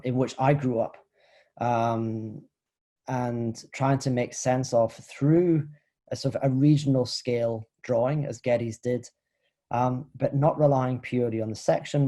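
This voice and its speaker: A man's voice: mid-range voice, mellow. Hesitant man lecturing over video call. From Highlands of Scotland. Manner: thoughtful, hesitant, many fillers and restarts. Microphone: video call computer mic.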